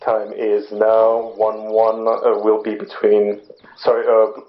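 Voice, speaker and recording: A man's voice: on the low side, monotone, takes it slowly. A man talking like a squad leader over military radio in a game, in clipped procedural phrases with some hesitation. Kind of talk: military radio procedure during online gaming. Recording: muffled roomy game voice chat.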